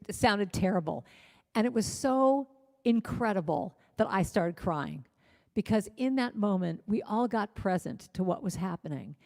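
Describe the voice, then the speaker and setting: A woman's voice: mid-range voice, a little mellow. A woman minister telling stories in a conversational sermon, peppered with "you know" fillers. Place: church livestream. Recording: echoey hall with faint music.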